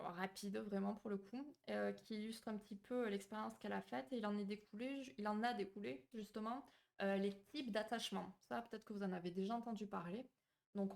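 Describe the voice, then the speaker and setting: A woman's voice: medium pitch, vocal fry. Brief: woman streamer, casual, greets chat, hesitant "euh" delivery, on a home mic. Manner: chatty, warm toward viewers, many fillers and restarts. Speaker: psychology streamer hosting a live. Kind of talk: casual live-stream talk, reading chat.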